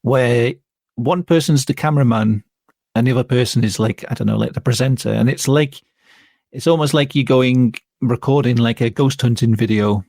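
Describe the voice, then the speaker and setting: An easygoing male podcast guest chats casually and pauses often on fillers. His mid-pitched voice has a gravelly fry to it. The sound is dry and close. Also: darkish tone, no room sound. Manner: chatty, easygoing, with hesitant fillers. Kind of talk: casual chat.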